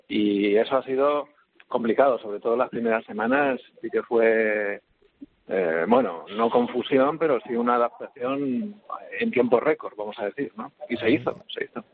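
A man's voice: mid-range voice, vocal fry. A male teacher, answering a radio interview by phone, hesitant and full of fillers. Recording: tinny phone line.

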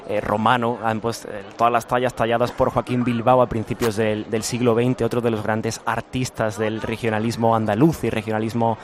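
A man's voice: mid-range voice, normal speed, hardly any pauses. A man working as a field reporter, describing a street procession live as he walks along it. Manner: steady descriptive reporting with small restarts. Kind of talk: live event commentary. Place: outdoor city street among the procession.

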